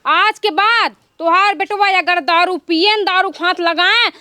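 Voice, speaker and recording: Woman acting angry young wife, awadhi accent, really high piercing voice, scolds nonstop, village comedy. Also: measured pace, bright, forceful tone, no echo, exaggerated voice. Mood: scolding. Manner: scolding, combative. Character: angry, sharp-tongued young wife of a drunkard. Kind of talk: rustic comedy skit acting.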